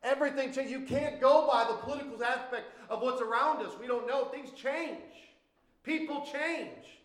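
A high-voiced male pastor with a Minnesotan accent preaches in a lively, conversational way, breaking into quick asides. His voice rings around a roomy, echoing church sanctuary. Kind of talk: sermon.

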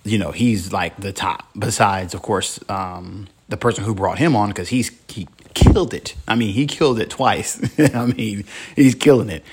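A man's voice: fairly low pitch, normal speed, hardly any pauses, husky. Rambling man hosting a motivational podcast. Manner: rambling, many restarts, animated quoting. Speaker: podcast host. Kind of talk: casual motivational monologue.

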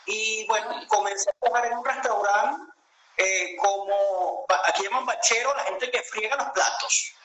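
A Venezuelan man in his late thirties speaks in a high, bright voice, thinking aloud and restarting his sentences. His video call sounds roomy and echoey, with a faint hiss behind him. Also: moderate pace. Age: 30s. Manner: reflective storytelling, many hesitations and restarts. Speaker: interview guest. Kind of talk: conversational interview over a video call.

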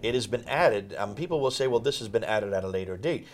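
A man hosts a discussion and explains texts point by point. His pitch swings widely as he stresses each point, and his delivery is emphatic and teacher-like. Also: animated, quick pace. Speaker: host.

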